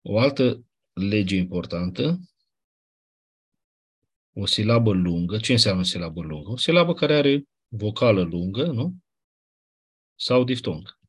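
A man's voice: on the low side, slightly rough. A man teaching a class, explaining grammar rules patiently and repeating the key points. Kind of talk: classroom lecture on Ancient Greek accents.

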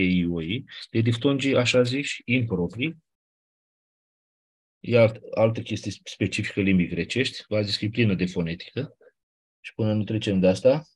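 A man with a low, husky voice is teaching a class. He explains things step by step in a conversational way and throws in quick asides to his students. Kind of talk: classroom lecture.

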